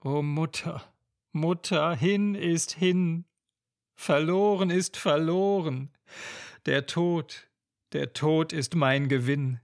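A man's voice: on the high side, slow pace, dry recording, studio quality. A man voicing a despairing young woman, a grieving bride crying out against God in a classic ballad reading. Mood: anguished.

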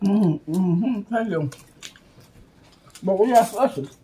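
A woman's voice: mid-range voice, lively intonation, slow, mellow, slight background noise. A middle-aged American woman chatting casually over a meal, chewing while she talks. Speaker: mukbang host. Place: small room at home. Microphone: camera at table's length.

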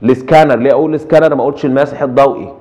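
A middle-aged Egyptian man lectures at a quick clip, his voice sitting at an ordinary pitch. He keeps posing rhetorical questions to the class and slips English terms in between his Arabic explanations. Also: fairly even intonation, dark tone, lo-fi sound. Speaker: university translation lecturer. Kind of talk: recorded lecture.

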